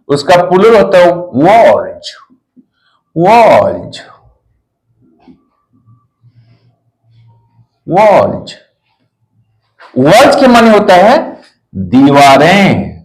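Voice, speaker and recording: A man teaching an English pronunciation lesson, repeating every word slowly and spelling it out letter by letter. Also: high-pitched, very animated, reverberant, rough recording.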